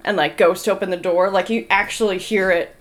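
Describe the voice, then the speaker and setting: A woman's voice: medium pitch, fairly even intonation, brisk, slight background noise. A young adult woman, a podcast guest, earnestly telling stories in casual chat with many fillers. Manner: earnest, filler-heavy storytelling.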